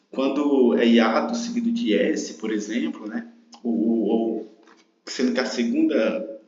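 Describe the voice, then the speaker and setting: A man teaching an exam-prep grammar lesson, explaining step by step and often checking in with tag questions. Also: mid-range voice. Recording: roomy dull lo-fi recording.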